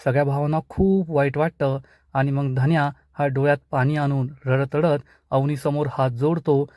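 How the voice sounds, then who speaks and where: A man with a somewhat high voice narrates an episode recap, moving quickly from scene to scene. He slips into a brighter, livelier tone when he speaks the characters' lines. The recording is close and dry, with no room sound. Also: fairly even intonation, dry recording. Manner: retells scenes briskly, voicing characters' lines in a livelier raised tone. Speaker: serial episode reviewer. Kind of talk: plot retelling narration.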